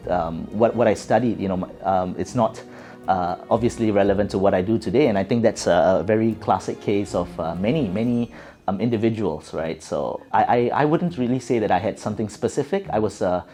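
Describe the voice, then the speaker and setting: A man's voice: fairly low pitch, brisk, dark tone, soft background music. A middle-aged man from Singapore with a Singaporean English accent, giving thoughtful interview answers with many fillers and restarts. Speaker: guest.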